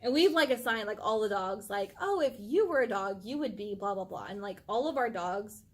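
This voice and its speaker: A woman co-hosting a casual vlog, talking about her little dog. She gushes and leans on "like" as a filler. Her pitch sits at a plain middle height. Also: lively intonation, a little fast, slightly rough. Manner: gushing, chatty, full of "like" fillers. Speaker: channel co-host. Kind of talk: casual chat about pets.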